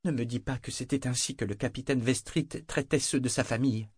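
A man voicing a living ship's figurehead, a proud female spirit who speaks in a low, bitter tone. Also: a little fast, darkish tone, husky, dry recording, clean studio sound, lightly acted. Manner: low and bitter, sometimes suave.

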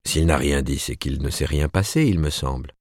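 A man's voice: extremely low pitch, normal speed, a little mellow, no room sound, clean studio sound. A man reading the part of a proper, disapproving middle-aged mother who lectures her daughter in an audiobook. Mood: coaxing. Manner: admonishing, rising emphatically.

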